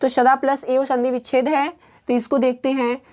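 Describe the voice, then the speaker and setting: A woman with a slightly high voice teaches grammar at a patient, measured pace. She repeats each rule and pauses often as she walks through the examples. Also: level tone, a little mellow. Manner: patient, slow and repetitive, pausing often. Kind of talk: explaining grammar rules step by step.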